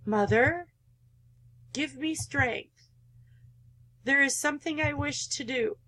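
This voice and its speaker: A woman's voice: high-pitched, takes it slowly, bright, forceful tone, full character voice, poor audio. A woman voicing a timid, obedient, guilt-ridden young girl in a visual novel, meek and apologetic. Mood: resolute.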